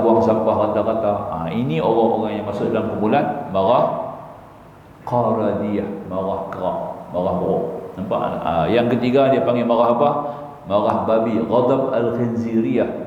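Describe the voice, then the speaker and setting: A man giving a religious lecture, telling stories with humor and often asking the listeners whether they see his point. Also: on the low side. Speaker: religious teacher. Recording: echoey hall, dull lo-fi sound, faint hiss.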